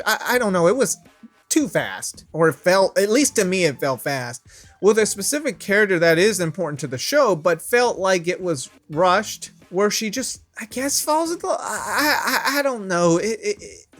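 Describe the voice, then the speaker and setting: A man's voice: sits high, a bit bright. A man hosting an anime review channel, talking casually and stumbling over his words when he is unsure.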